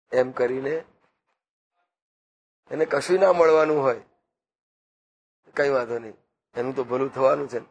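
Husky-voiced man giving a devotional talk. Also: medium pitch. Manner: slow, repetitive parables with quoted dialogue. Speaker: spiritual speaker. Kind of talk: devotional discourse.

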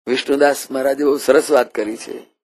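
A man preaching a devotional sermon in an earnest, reverent way, slowing down to recite verses. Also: medium pitch, steady tone, darkish tone, husky. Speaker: spiritual preacher.

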